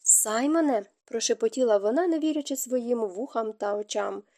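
A woman's voice: fairly high pitch, fairly quick, warm tone, dry recording, clean studio sound. A woman reading a romance novel aloud as an audiobook narrator, telling it expressively and dramatically. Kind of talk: scripted narration.

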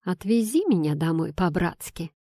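Drunk mocky young guy, read by a lady, low voice, slow and snide, dry sound. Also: animated, mellow, no room sound. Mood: sneering. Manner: sneering, mocking. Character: drunk insolent young man, sneering ex-friend.

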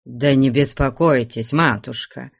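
A woman's voice: a bass voice, unhurried, creaky, dry recording, clean studio sound, full character voice. A woman voicing a polite middle-aged male guest. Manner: polite, modest.

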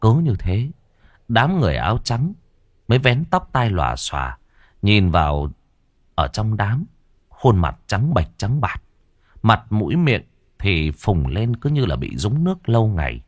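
A man narrating a ghost story in a dramatic way, slowing down for tense moments. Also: on the low side, big pitch swings, no echo. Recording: dry close voice with faint background music.

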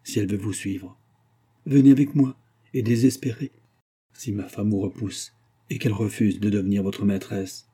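A man reading aloud, voicing a ruined, desperate knight who pleads in anguish, with a dark, husky voice. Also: lowish voice, fairly even intonation, normal speed. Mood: defiant.

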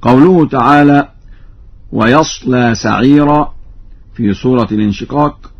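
A man, a Quran reading scholar, giving a radio lesson on recitation variants, explaining plainly and then chanting verse examples slowly. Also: medium pitch, slight background noise. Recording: dull lo-fi radio recording.

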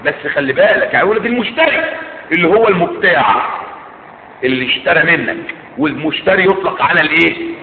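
A man's voice: a little high, lively intonation, background noise. A man with an Egyptian accent gives a religious lesson in a large hall, breaking off constantly to quiz his listeners with short check questions. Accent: Egyptian Arabic. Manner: keeps quizzing listeners with quick check questions. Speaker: religious teacher. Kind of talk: classroom lecture. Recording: tinny phone-like sound in an echoey hall.

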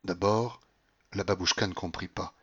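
A man narrating a literary audiobook in a measured way. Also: low-pitched, steady tone, fairly bright tone, husky. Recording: muffled lo-fi recording.

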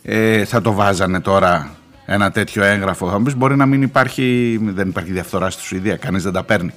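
A middle-aged man hosting a radio show, giving sarcastic, mocking news commentary and reading documents aloud in halting English. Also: fairly low pitch, a bit bright, faint music behind. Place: radio studio.

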